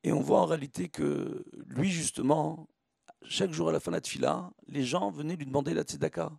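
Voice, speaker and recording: Rabbi with a very creaky voice. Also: male voice, a little high, sing-song, a little fast, darkish tone, no room sound, studio quality. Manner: didactic, emphatic repetition and rhetorical questions. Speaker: rabbi giving a religious lecture. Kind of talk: religious sermon with everyday analogies.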